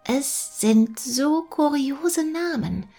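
A small, timid, naive mouse from a storybook, as a woman reading aloud puts her on, high-pitched and wondering, slow and often half-whispered. Faint music runs underneath. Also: animated, dark tone, heavily acted. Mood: puzzled.

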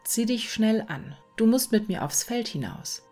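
A woman's voice: fairly high pitch, animated, unhurried, darkish tone, faint music behind. A woman voicing a cocky male hedgehog who curtly orders his wife around. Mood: bossy. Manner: curt, commanding.

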